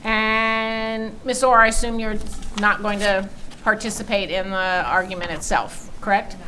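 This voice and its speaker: A woman speaking as a judge from the bench, brisk, direct and formal. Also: mid-range voice, steady tone, bright, forceful tone. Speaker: presiding judge. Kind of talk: courtroom questioning. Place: courtroom. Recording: clearly noisy courtroom recording.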